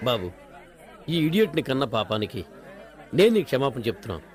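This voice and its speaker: An actor playing an exasperated older father in dubbed film dialogue, pleading and scolding in an excitable way. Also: medium pitch, fast talker, a faint crowd, natural voice.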